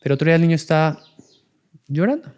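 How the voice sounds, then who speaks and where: A man's voice: a little high, expressive, quick pace, darkish tone, smooth. A man, talking in a reflective, conversational way as a podcast guest, acting out children and parents in his examples. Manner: acts out child and adult voices in examples.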